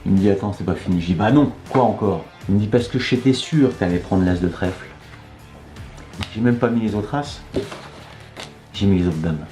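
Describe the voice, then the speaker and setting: A man's voice: lowish voice, normal speed, pauses often, warm tone. A man presenting a trick by telling, casually and wryly, how it was played on him, sounding unimpressed. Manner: dry, wry, unimpressed retelling. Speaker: magic dealer presenting a trick. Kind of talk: casual storytelling. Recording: echoey room with faint music.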